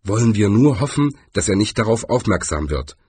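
An anxious wizard frets in a somewhat raised, husky voice, read by a man. He sounds uneasy and slow, recorded dry and close for an audiobook. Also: fairly high pitch, very animated, a little mellow, no echo, voice pushed up, heavily acted. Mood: worried. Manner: worried.

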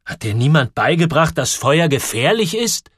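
A man reading an audiobook, voicing a kindly, worried boiler man who calls out loudly to be heard over noise. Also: a little high, big pitch swings, moderate pace, husky, no room sound, studio quality, pitched above the performer's own voice, exaggerated voice. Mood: alarmed, concerned. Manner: loud, calling over noise.

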